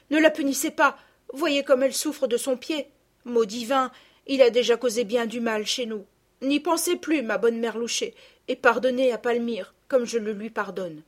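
A woman voicing a timid, hurt little girl who speaks softly and hesitantly in an audiobook. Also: high-pitched, moderate pace, pitched above the performer's own voice. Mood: pleading. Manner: soft, hesitant, pleading. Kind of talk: audiobook character reading.

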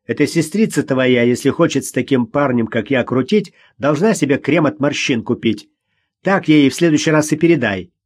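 A man voicing a brash, mocking young man who jeers and shouts in an audiobook. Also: medium pitch, animated, normal speed, natural voice. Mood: sneering. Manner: jeering, shouting, cackling. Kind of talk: audiobook character voice.

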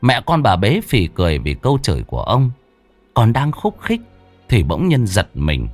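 A man's voice: lowish voice, huge pitch swings, moderate pace. A man telling a ghost story in a vivid, dramatic way. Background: faint music.

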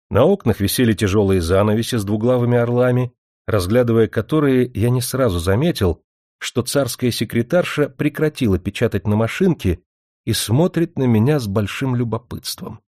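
A man's voice: on the low side, a little mellow, dry recording. Wry male audiobook narrator, dry sound. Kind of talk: first-person audiobook narration.

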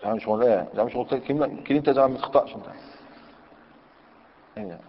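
A man's voice: medium pitch, rapid-fire. A man with an Algerian Arabic accent teaching a grammar class, quizzing his students and switching between everyday dialect and recited verse. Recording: dull lo-fi recording in a long-echo hall, faint noise.

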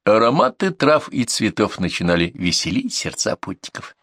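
A man narrating a fairy tale in an expressive, measured reading voice. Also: on the low side, no room sound, studio quality. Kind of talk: storybook narration.

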